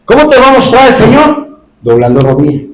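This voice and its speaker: A middle-aged man preaching a sermon in a church, moving between quiet talk and shouting. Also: very high voice, huge pitch swings, fairly quick, reverberant, far from the mic, low-quality recording. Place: church hall.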